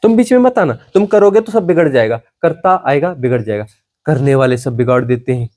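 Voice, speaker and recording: A man giving a satsang discourse as a spiritual teacher, emphatic and repetitive, drawing phrases out and letting them sink to a hush. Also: mid-range voice, animated, fairly quick.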